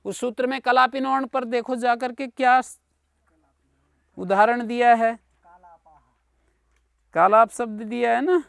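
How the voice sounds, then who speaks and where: A man's voice: extremely high pitch, steady tone, slow, gravelly, long pauses, fairly bright tone, clean tone, no echo. A man teaching Sanskrit grammar in an online class, patiently explaining and checking in with his students. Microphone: video call.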